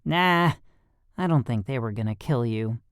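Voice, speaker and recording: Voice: medium pitch, lively intonation, moderate pace, clear, resonant tone, dry recording, studio quality, lightly acted. An audiobook narrator voicing a laid-back fifteen-year-old boy with a casual, wisecracking manner. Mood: easygoing.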